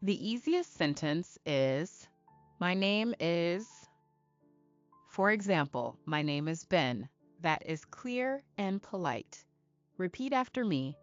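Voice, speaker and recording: A woman teaching English to beginners in a slow, clear, deliberate scripted style, asking learners to repeat after her. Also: fairly low pitch, big pitch swings, no room sound, lo-fi sound, faint music behind. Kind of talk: slow scripted lesson narration.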